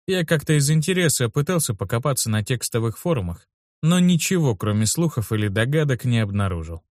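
A man reading a first-person audiobook in a steady, wry storytelling manner on a close studio mic. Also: medium pitch, a little fast, dry recording. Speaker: audiobook narrator.

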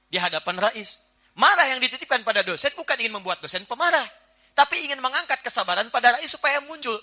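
A man giving a lively sermon as a preacher, joking and acting out small household scenes. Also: very high-pitched. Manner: animated, jokey, acts out little household scenes. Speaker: Islamic preacher. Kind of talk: lively sermon to a live audience.

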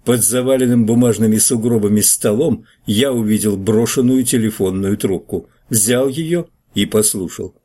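A man's voice: on the low side, normal speed, few pauses, warm tone. A man reading a first-person audiobook in a wry storytelling manner. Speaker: narrator. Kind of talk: audiobook narration.

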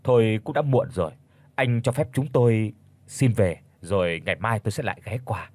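A man voicing a calm, apologetic older gentleman who speaks in a soothing, polite way, with a husky voice. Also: lowish voice, normal speed, no echo, close to an everyday voice.

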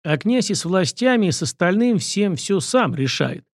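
A man's voice: high voice, big pitch swings, normal speed, dry recording, clean studio sound, voice pushed up, exaggerated voice. A man voicing a proud, stubborn commoner who argues in a folksy, vehement way.

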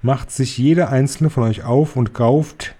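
A man's voice: mid-range voice, a little slow, mellow, husky. A man reading a story aloud, voicing a tiny, furious female witch leader who shrieks and barks orders. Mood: domineering.

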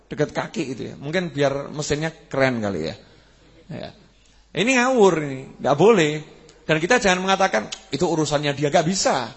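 A man preaches a sermon in a husky, fairly high voice. He builds to emphatic peaks and puts questions to his listeners. His words ring with a long reverb through a large hall. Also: fairly quick. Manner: animated, rising to emphatic peaks, asks the audience questions.

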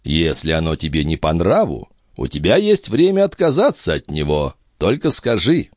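A man's voice: deep voice, huge pitch swings, moderate pace, darkish tone, no room sound, clean studio sound, exaggerated voice. A man voicing a worldly old duke who speaks with teasing, condescending irony. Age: older. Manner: ironic, condescending.

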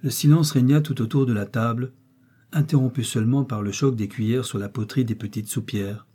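A man reading a classic novel aloud as an audiobook narrator, in a measured, even storytelling manner. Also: mid-range voice, slightly rough. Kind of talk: scripted literary narration.

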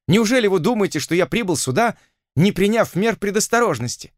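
A man voicing a haughty, high-strung English lord, the king's envoy, who talks in an indignant, pompous way. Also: animated, fairly quick, no room sound, studio quality.

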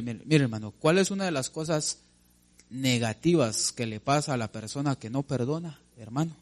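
A male preacher delivering a sermon, emphatic and direct, putting questions to the congregation and calling them brother. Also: mid-range voice.

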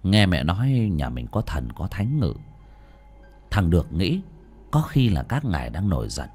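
A man's voice: low-pitched, unhurried, slightly rough, soft background music. A man narrating an audiobook story dramatically. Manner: dramatic, expressive.

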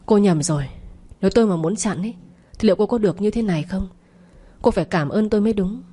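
A woman's voice: mid-range voice, fast talker, warm tone, breathy edge, natural voice. A woman voicing a cold, scornful young man, rich son of the family, lecturing his father's mistress in an audio story. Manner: lecturing, contemptuous.

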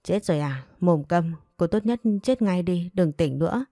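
A woman reading a cruel, arrogant young husband, spiteful and sneering. The voice is low and dark, recorded close and dry. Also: expressive, moderate pace, dry recording. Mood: contemptuous. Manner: contemptuous, spiteful.

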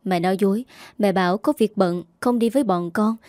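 A woman's voice: medium pitch, fairly quick, dark tone, no room sound, studio quality, lightly acted. A woman voicing a hurt, sulky young boy in a spoken story, pleading and accusing.

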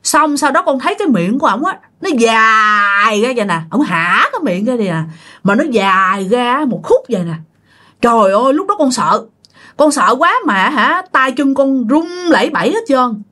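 A woman narrating a ghost story in an animated way. She speaks to her listeners directly and often breaks into exclamations. Her voice sits fairly high and moves a lot. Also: moderate pace.

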